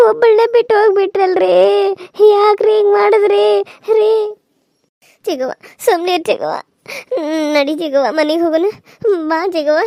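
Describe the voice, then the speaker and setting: A woman's voice: very high voice, dark tone, no room sound. A woman voicing several characters in a cartoon serial, wailing, pleading and scolding.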